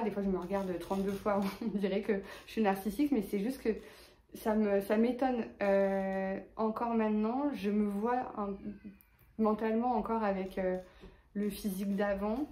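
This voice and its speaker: Lisping woman with a flat, roomy sound. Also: mid-range voice. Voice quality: lisp on s sounds. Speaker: vlogger. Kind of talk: personal vlog update, casual talk.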